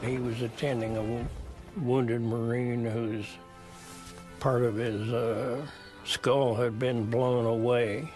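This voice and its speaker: An older veteran recounts a battlefield memory, slowly and haltingly. His voice sits at a middle pitch. Music plays under the interview. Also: little pitch movement. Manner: slow, halting. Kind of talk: interview storytelling.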